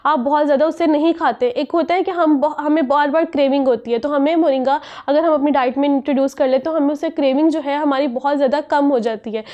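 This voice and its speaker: A woman's voice: sits high, fast talker, few pauses, lo-fi sound. A woman giving an informative health talk, listing items one by one and mixing in many English terms. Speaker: health show guest speaker.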